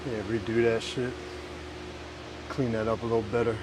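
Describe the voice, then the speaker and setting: A man's voice: on the low side, level tone, moderate pace. A man casually narrating his hands-on work in a vlog, muttering to himself in an offhand way and swearing now and then. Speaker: DIY vlogger. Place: inside a food truck. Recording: clear vehicle and fan noise.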